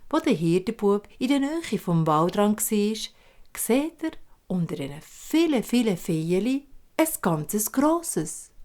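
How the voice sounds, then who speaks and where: A woman with a Swiss German accent, narrating a fairy tale slowly and gently. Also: mid-range voice. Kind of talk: storytelling.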